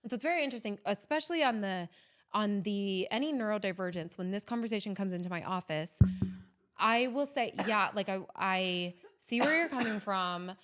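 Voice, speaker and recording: A woman's voice: mid-range voice, fairly quick, fairly bright tone. A woman therapist on a podcast, thoughtfully explaining her approach in a casual, rambling way. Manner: thoughtful, explains at length with frequent "like" and restarts. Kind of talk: casual conversational interview.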